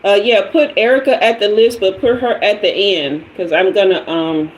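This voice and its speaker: On a low-quality recording with a little hiss or hum, a woman in her fifties speaks at a moderate pace in a mid-range voice. She's a tarot reader running an informal livestream, greeting her audience, asking for emojis, playfully chatting, and moving away from the mic and returning.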